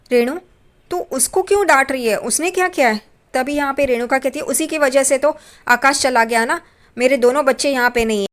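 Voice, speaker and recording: Female recap narrator, slightly high pitch, loose conversational retelling that reads character lines flatly. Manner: retells scenes, reading characters' lines in plain quotes. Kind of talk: casual spoken plot recap.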